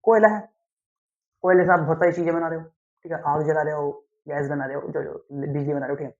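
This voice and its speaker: A young man, teaching a class lesson slowly and deliberately, often checking in with his students. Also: on the high side, flat delivery, darkish tone. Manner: slow, deliberate explaining with frequent "theek hai" check-ins. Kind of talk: classroom lecture. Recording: dull lo-fi sound.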